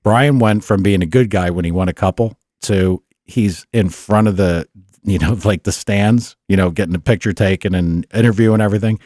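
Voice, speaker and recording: A man telling stories casually on a podcast, animated and acting out the voices of others. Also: lowish voice, normal speed, no echo, clean studio sound. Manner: animated storyteller, acts out quotes in a raised voice. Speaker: podcast guest. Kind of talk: casual storytelling.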